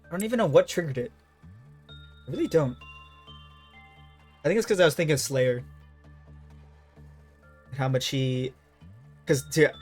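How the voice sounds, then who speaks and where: A young man streaming live, chatting casually and telling profane, rambling anecdotes. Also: a little high.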